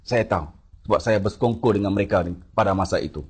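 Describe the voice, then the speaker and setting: Husky Malaysian man recounting to a crowd. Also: lowish voice, quick pace. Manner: emphatic storytelling, mixes in English words. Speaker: speaker addressing a rally audience. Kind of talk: public speech, personal account.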